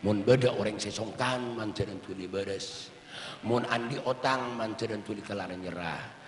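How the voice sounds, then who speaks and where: A male preacher giving a sermon, swinging from loud cries to soft low asides and often calling out to the listeners. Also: normal speed, slight background noise. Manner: often addresses audience as Pak. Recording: echoey hall with long reverb.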